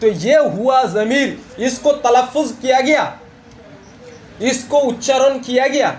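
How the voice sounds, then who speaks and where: A man teaching a religious grammar lesson. He talks slowly, repeats the key terms and keeps asking his students questions. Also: extremely high pitch, a little hiss or hum. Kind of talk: classroom lesson on Arabic grammar.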